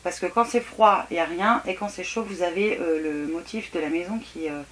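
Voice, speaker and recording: Speaking at normal speed in a lowish voice, a vlogger talks through an unboxing. She's frank and a bit critical, her casual chat full of hesitation, fillers and restarts.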